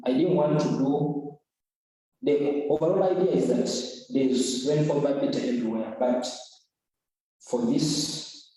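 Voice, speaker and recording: Earnest student from Uganda, far and echoey. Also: male voice, medium pitch, unhurried, mellow. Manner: earnest, hesitant, repeats words while explaining. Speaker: student defending an essay. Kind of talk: academic oral examination.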